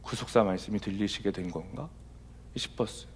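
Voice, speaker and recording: Korean pastor preaching in storytelling style. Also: male voice, on the low side, brisk, slight background noise. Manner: storytelling, swings from soft asides to loud emphatic exhortation. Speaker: senior pastor. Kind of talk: conversational sermon.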